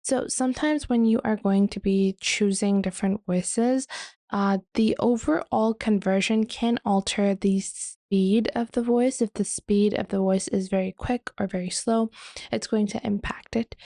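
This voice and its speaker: A tutorial presenter, a woman, guides listeners step by step through software in a relaxed, mellow, unhurried voice of medium pitch that often drops into a gravelly creak. The recording is very dry, with no room sound at all.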